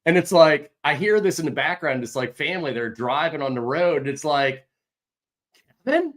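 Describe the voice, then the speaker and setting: A man hosting a casual livestream Q&A as a real estate agent, telling animated stories and swearing mildly. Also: on the high side, brisk. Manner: chatty, animated storytelling with mild swearing.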